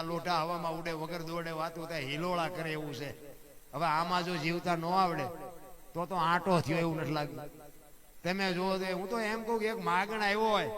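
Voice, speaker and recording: On a stage before a seated audience, a high-voiced male folk storyteller tells a folk tale live, mixing in moral preaching. The stage mic picks up the audible crowd behind him as he repeatedly calls his listeners "bapu" and asks rhetorical questions.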